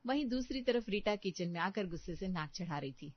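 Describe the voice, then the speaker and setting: A woman's voice: medium pitch, animated. Woman narrating a cartoon story. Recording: dull, dry lo-fi.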